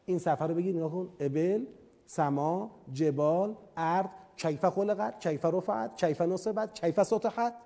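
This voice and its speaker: A man with a high-pitched voice delivers a Quranic commentary lecture to listeners. He drops to hushed, low-toned lines and then pushes out loud, insistent bursts. He makes his points through homely comparisons to a craftsman winning customers. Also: creaky. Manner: uses everyday craftsman and customer analogies. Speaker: preacher teaching Quran commentary.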